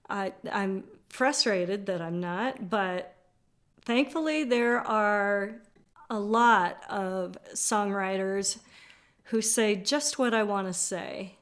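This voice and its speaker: A woman folk singer chatting before her song in a soft, hesitant way that trails off. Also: mid-range voice, slow. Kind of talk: casual chat before a song. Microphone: video call. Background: acoustic guitar.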